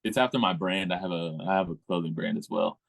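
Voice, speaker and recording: Laid-back young guy on a podcast, deep gravelly voice, dry sound, laughs a lot. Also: steady tone, quick pace, no echo. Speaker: musical guest. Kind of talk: casual interview.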